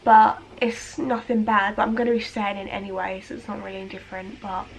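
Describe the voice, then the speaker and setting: A young British woman with a British accent vlogs casually to camera at home, her medium-pitched, gravelly voice fairly flat and a little fast. Congested and nasal from a cold, she rambles chattily with lots of fillers while grooming her eyebrows. The low-quality recording has slight background noise.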